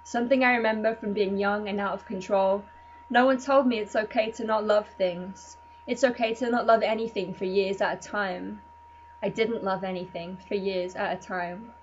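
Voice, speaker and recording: A woman's voice: mid-range voice, steady tone, moderate pace. Woman reading poetry in a muffled recording. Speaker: poet. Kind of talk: spoken word poetry reading. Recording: muffled lo-fi recording with faint hum.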